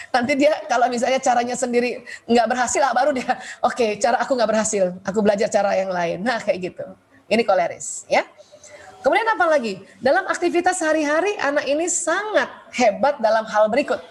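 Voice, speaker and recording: A middle-aged woman doctor giving a webinar lecture on children's temperaments in a chatty way, laughing often and asking the audience questions. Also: high-pitched.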